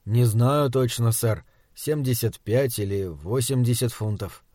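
A man reading an audiobook, voicing a polite, timid twelve-year-old boy who answers quietly and deferentially. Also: mid-range voice, measured pace, no room sound, studio quality, close to an everyday voice.

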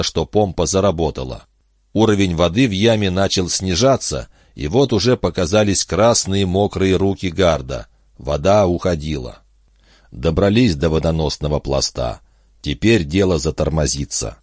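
A man reading an audiobook in steady, measured scripted narration. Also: low-pitched, no room sound, studio quality.

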